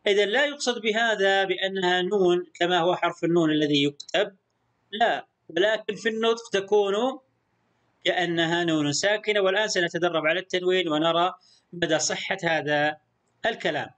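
A male primary school teacher giving a recorded lesson, patient, repeating sounds slowly and praising the pupils often. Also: high voice, fairly bright tone.

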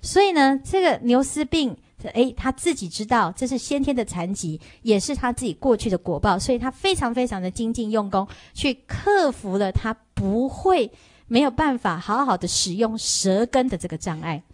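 A woman's voice: on the high side, animated, normal speed, no room sound. A Buddhist nun giving a sermon, telling a story, tagging her phrases and putting questions to listeners. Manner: storytelling lecture with frequent "hao" and "ha" tags. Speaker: Buddhist nun teaching a sutra.

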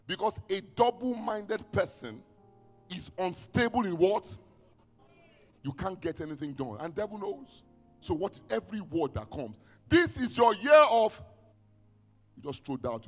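Dramatic preacher in a reverberant church. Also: male voice, high voice. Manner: dramatic, swings between shouting and near-whispers; reads scripture aloud and quizzes the congregation. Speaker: pastor. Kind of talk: preaching a sermon. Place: church hall. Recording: reverberant church hall with music.

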